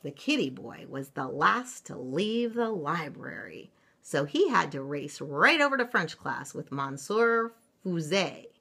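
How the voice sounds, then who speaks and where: A woman reading a children's picture book aloud as a storyteller, expressive and unhurried. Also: low-pitched, slightly rough. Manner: expressive and unhurried, drawn-out words.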